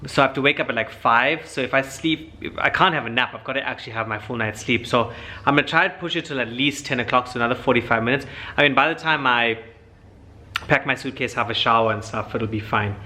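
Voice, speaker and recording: Quick and sharp in tone, his mid-range voice carries this chatty vlog from an airline cabin supervisor. He talks casually to camera, calling his audience guys.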